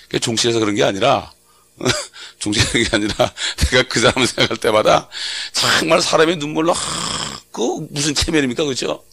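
Middle-aged man, pastor, conversational sermon, gravelly rasp, prods congregation with questions. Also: mid-range voice, fairly quick, pushed and bright, dry recording. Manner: conversational preaching with frequent call-and-response questions.

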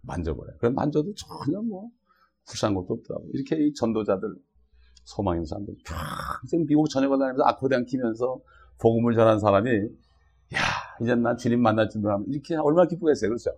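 A man delivering a sermon in a loose, conversational way. His voice is husky. He keeps turning to the congregation with short questions as he preaches. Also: medium pitch, very animated, fast, a little mellow. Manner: conversational preaching with frequent "어?" and "예?" checks. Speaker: pastor.

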